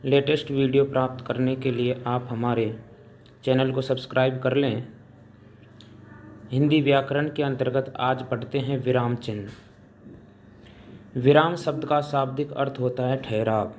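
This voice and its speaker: A man teaching Hindi grammar in a slow classroom lecture. He pauses between items and reads each example out slowly before he explains it. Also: mid-range voice, fairly even intonation, darkish tone, slight background noise. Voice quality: deliberate, pausing between listed items. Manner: dictating examples slowly, then explaining them.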